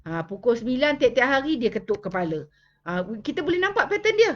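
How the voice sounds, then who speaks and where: A woman's voice: high voice, sing-song, fairly quick. Woman, Malaysian accent, casual live-stream talk, answers comments, muffled recording. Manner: chatty, answers viewer comments, mixes in English. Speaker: child behavior specialist hosting a live stream. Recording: dull lo-fi live-stream audio.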